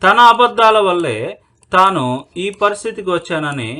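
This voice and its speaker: Bright, lively man teaching English. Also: high voice. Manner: explains word by word, asks and answers his own questions; dictates English sentences very slowly. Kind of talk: spoken English lesson in Telugu.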